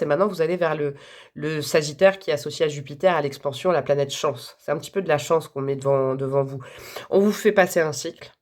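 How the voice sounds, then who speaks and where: A woman giving a casual tarot reading to the camera, chatty and effusive, who calls her viewers friends and breaks into sudden exclamations. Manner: exclamations and sudden jumps in pitch and loudness. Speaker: tarot card reader.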